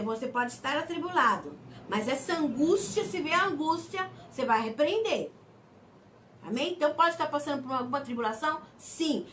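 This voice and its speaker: High-pitched woman preaching a sermon. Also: a bit bright. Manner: preaching with slow emphatic stresses and calls of amen. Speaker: pastor. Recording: mic somewhat distant, faint background noise.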